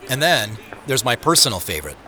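A man with a mid-range voice narrates and leads a first-person audio drama, playing a harried, self-conscious man in a wry, reflective, confiding way. His delivery is fairly quick, pushed and bright with big pitch swings, and the poor audio has a little hiss or hum over the production's music and street ambience.

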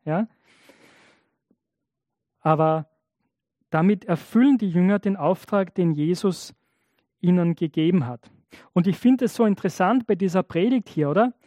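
A man's voice: sits high, unhurried, pauses often, dark tone, dry recording, studio quality. A man preaching a sermon in a conversational way, often checking in with the congregation. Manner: acts out biblical and imagined speakers in changed voices.

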